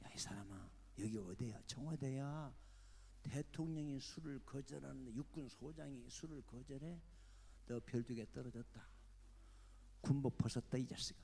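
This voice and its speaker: A man's voice: mid-range voice, normal speed, creaky, mellow, slightly rough. An older man voicing a scornful official who mocks and insults a general, with muttered asides. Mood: sneering. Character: sneering drunk official mocking a general. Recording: echoey church hall.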